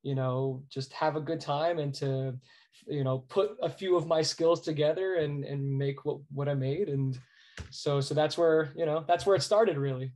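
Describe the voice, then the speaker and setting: He's an American sports arena announcer guesting on an interview, telling stories at a normal speed. His voice runs on the high side with a darkish tone, earnest and emphatic, with frequent repeated words.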